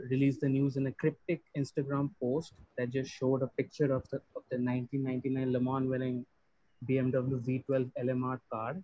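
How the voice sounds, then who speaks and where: A man's voice: warm tone, dry recording. A man giving an explanatory, casual recap of motorsport news as a podcast panelist. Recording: dry, muffled low-fi audio.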